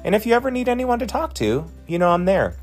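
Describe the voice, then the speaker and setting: Very animated and quick, this high-voiced man in his forties hosts a podcast, chatting effusively and encouragingly directly to his audience. He is a podcast host and drag performer giving a casual monologue, with faint music behind him.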